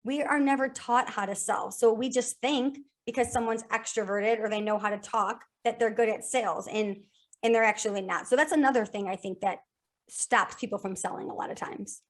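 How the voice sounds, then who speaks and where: With a slightly high voice at a moderate pace, a woman guesting on a podcast chats about sales. Her manner is casual and energetic, marked by frequent restarts and phrases repeated in lists.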